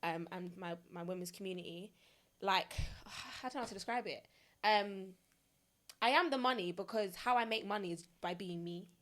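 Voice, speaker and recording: Lively young woman podcast host. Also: mid-range voice, normal speed. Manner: animated, laughs often. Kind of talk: casual chat.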